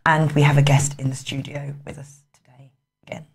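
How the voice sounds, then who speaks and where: A woman's voice: deep voice, flat delivery, brisk, vocal fry, husky. A woman presenting an online news show, opening in a light, bantering way.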